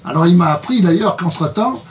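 Man, fairly high voice, hesitant translator, mic a little far off. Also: animated, fairly quick. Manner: hesitant, repeats words. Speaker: translator presenting a book. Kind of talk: casual interview chat with read excerpt.

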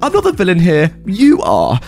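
A man voicing a shrill, entitled middle-aged woman who yells accusations, with a screechy voice. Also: huge pitch swings, normal speed, soft background music. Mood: furious. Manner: yelling, accusing.

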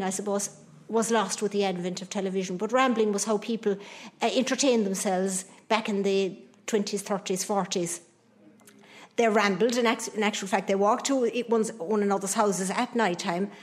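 Female Kerry local, Irish accent, mid-pitched voice, measured explanatory recollection in an interview. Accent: Irish, County Kerry. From rural County Kerry, Ireland. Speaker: pub event organiser interviewed. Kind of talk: reminiscing interview about local customs.

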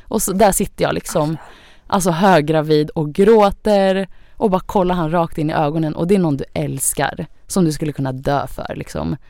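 Low gravelly young woman telling her story. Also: mellow, no room sound, clean studio sound. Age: young adult. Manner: chatty, full of fillers like "so like". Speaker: podcast guest. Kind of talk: personal story in casual podcast talk. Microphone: studio microphone.

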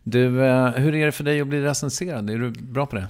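A male interviewer in a relaxed conversation. He chips in with short reactions and asks casual follow-up questions. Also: mid-range voice.

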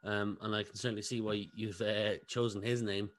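A man hosting a business podcast, interviewing a guest in a quick, chatty way. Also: fairly low pitch, flat delivery, no room sound. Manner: fast-talking, admits speaking fast. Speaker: podcast host. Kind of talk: casual interview.

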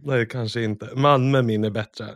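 A young adult man co-hosting a podcast in relaxed, easygoing casual chat on a close mic. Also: medium pitch, dry recording. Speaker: podcast co-host.

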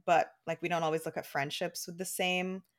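A woman's voice: lowish voice, little pitch movement, fairly quick. A woman in her thirties co-hosting a casual podcast, talking through her thoughts with frequent restarts and easy laughter. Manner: chatty, many restarts and "like"s, laughs easily. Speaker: podcast co-host.

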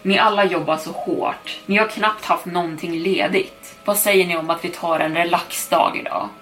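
A woman's voice: fairly low pitch, fairly even intonation, a bit bright, a little hiss or hum, lightly acted. A woman reading a friendly camp supervisor.

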